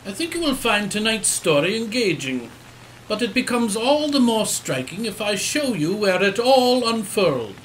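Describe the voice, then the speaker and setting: A man playing a genial gentleman doctor in an audio drama, courteous and jovial, telling his tale theatrically. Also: high voice, very animated, moderate pace, slight background noise, poor audio. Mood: genial, teasing.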